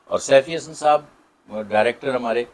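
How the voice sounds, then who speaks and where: A middle-aged actor with a Saraiki accent, answering interview questions in a warm, grateful way with many pauses. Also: male voice, medium pitch. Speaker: Saraiki drama and film actor.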